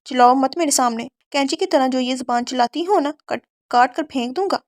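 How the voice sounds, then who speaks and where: A harsh, bossy young husband who barks orders and threatens, as a woman reads him in a storybook. The voice sits high and comes across dry and close. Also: no room sound, close to an everyday voice. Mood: harsh scolding. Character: rude, stern young husband, easily angered.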